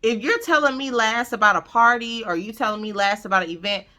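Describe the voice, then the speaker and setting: A woman with a Southern US country lilt, working as a vlogger, gives family advice straight to her viewers. Her voice sits on the high side, fairly quick, bright and forceful, and she keeps it casual and emphatic, repeating phrases for stress and checking in with listeners.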